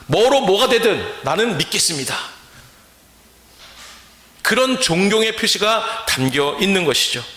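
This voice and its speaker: A man's voice: sits high, bright, forceful tone. A male pastor from central Korea, preaching a sermon and often asking the congregation questions to draw their answers. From Chungcheong, Korea. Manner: asks the congregation questions and leads call-and-response. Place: church sanctuary. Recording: echoey church hall.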